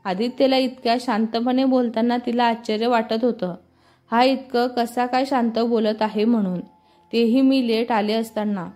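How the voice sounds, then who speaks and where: A woman narrating a serialized family and romance story in a steady, plain reading voice. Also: a little high, normal speed. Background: faint music.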